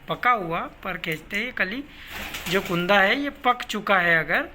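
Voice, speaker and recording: A man talks through pigeon care in a casual, hands-on lesson, calling his listeners brothers as he goes step by step. His voice is bright and forward. A faint hiss of background noise sits under the recording. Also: sits high. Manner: practical, repeats "bhai", explains step by step. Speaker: pigeon keeper giving advice. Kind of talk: casual instructional talk.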